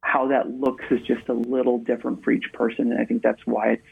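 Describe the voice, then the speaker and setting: Speaking fairly quickly with a level tone, medium pitch, vocal fry and slight roughness, a man from Maine, USA guests on a radio interview. He chats in a relaxed, upbeat storytelling manner via a tinny phone line.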